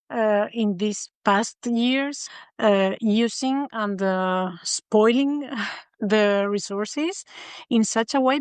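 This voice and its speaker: A woman from Spain with a Spanish accent, a guest in a podcast interview who speaks thoughtfully and fills her pauses with "uh". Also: fairly high pitch, no echo. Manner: thoughtful, many filler pauses. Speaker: guest designer.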